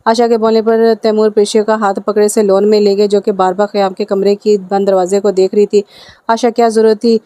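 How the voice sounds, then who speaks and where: A woman's voice: medium pitch, completely flat delivery, a little fast, few pauses, dark tone, no room sound. A woman narrating a romance novel as an audiobook, reading steadily with small slips.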